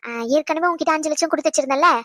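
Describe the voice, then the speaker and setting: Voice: sits high, fairly even intonation, rapid-fire, no echo, studio quality. A performer voicing a doting, chatty mother in a cartoon, fussing over her daughter. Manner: warm scolding chatter. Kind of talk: cartoon voice acting.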